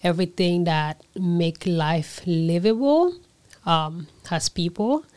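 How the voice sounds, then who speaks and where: A young woman from Liberia speaks as an interview guest, with a fairly low voice for a woman. She answers thoughtfully, pausing often, using fillers and correcting herself mid-sentence. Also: a little mellow. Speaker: interview guest, conference organizer.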